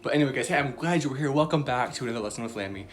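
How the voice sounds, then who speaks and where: Her very deep voice is animated and goes very fast as she hosts a casual Bible lesson for small children. Chatty and bubbly, she uses many fillers, and soft music plays in the background.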